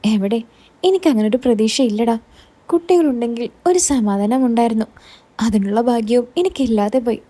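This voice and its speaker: A woman's voice: fairly high pitch, fairly quick, mellow, natural voice. A woman voicing a weary, bitter middle-aged aunt who speaks in a sorrowful, resigned way.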